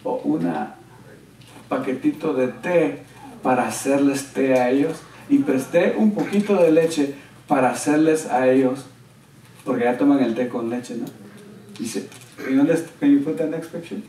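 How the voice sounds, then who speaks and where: A man preaching a sermon as a pastor, telling a story and acting out what people said with an excited, animated delivery. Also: mid-range voice, a little slow, slight background noise. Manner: animated storyteller, quoting others with raised excited voice. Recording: roomy church sound, from a distance.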